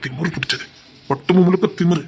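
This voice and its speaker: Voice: medium pitch, fairly quick, noisy background, natural voice. A performer playing a cocky young village man who is smitten, speaking with a Tirunelveli Tamil accent in a teasing, swaggering way. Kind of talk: amateur drama skit.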